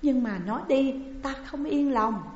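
A woman's voice: high-pitched, measured pace, a little mellow, voice pushed up. A woman voicing an anguished noble mother who speaks with anxious, distressed pleading. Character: anguished noble mother, wife of a stern lord. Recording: dull, echoey recording with long reverb.

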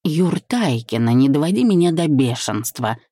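A woman reading the part of a young husband and boss who is teasing, commanding and tender by turns, in a low, mellow voice. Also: very animated, normal speed, dry recording, clean studio sound. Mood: teasing, bossy. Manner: playful, bossy, tender. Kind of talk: audiobook reading.

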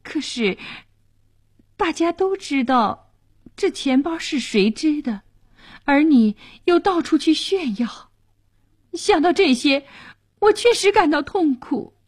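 A woman's voice: high voice, animated, slow pace, long pauses, voice pushed up. Woman playing a pleading young wife. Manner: pleading and plaintive.

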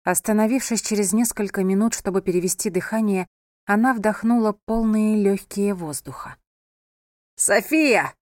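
A woman reads a novel aloud in an even, measured storytelling voice, at a middle pitch for a woman. She is recorded close on a studio microphone, with a dry, dead sound and no room echo. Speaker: audiobook narrator. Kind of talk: scripted narration of a novel.

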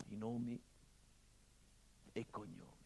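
The recording is low quality, with a little hiss or hum. A stage actor with a fairly low, slow voice and vocal fry plays a middle-aged son lamenting his murdered father, his bitter, cutting, sardonic monologue shifting between hushed murmurs and impassioned bursts.

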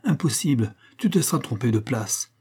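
A man's voice: medium pitch, expressive, normal speed, a little mellow, husky. A man reading aloud voicing an impatient, superstitious old father who grumbles and grows exasperated. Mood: impatient grumbling. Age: older.

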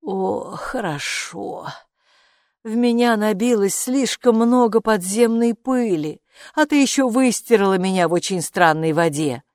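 A woman voicing a magical talking bathrobe, a calm male know-it-all who speaks in an unhurried, patronizing way in a storybook. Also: medium pitch, no room sound, studio quality, pitched above the performer's own voice, close to an everyday voice. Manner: unhurried, patronizing, calls her "friend".

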